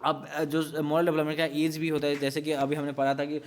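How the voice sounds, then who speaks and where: A man's voice: a little high, monotone, brisk. A man teaching a revision lecture for teacher-training exams, explaining step by step and mixing English terms into his talk.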